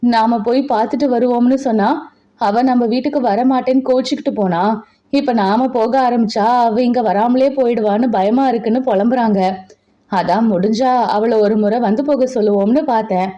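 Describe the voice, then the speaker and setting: A woman voicing a calm older brother in an audio novel, who explains a family worry. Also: on the high side, moderate pace, natural voice. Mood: concerned. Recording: dull lo-fi recording.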